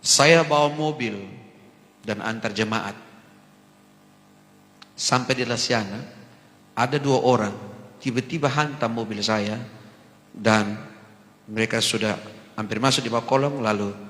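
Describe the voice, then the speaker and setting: A man's voice: medium pitch, measured pace, long pauses. A man, a pastor with a Kupang Malay accent, preaching a sermon and telling a story, acting out the voices of the people in it. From Eastern Indonesia. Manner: animated, acts out voices in anecdotes. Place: large church hall. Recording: echoey church hall with long reverb.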